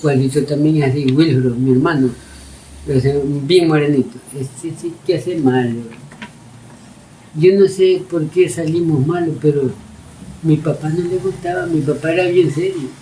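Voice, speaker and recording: A man tells stories from his own life in a lively, casual way, acting out his own shouts. His voice sits a little high. He is recorded from a distance with loud noise and dogs barking behind him. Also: normal speed. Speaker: storyteller interviewee. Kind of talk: casual oral-history storytelling.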